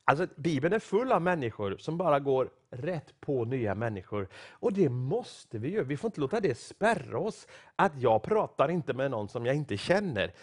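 A man from Sweden preaching a sermon, telling stories with acted-out quotes and growing excitement. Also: medium pitch.

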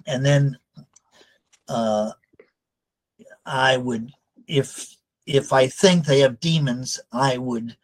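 An older man answering interview questions as a deliverance counselor, measured and hesitant with many fillers. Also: mid-range voice, low-quality recording.

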